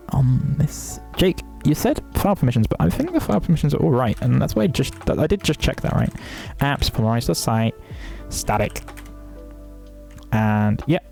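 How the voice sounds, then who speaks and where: A man's voice: mid-range voice, gravelly, a little mellow. A young man, streaming from his desk and chatting casually, swearing freely and interrupting himself. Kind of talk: casual livestream chat.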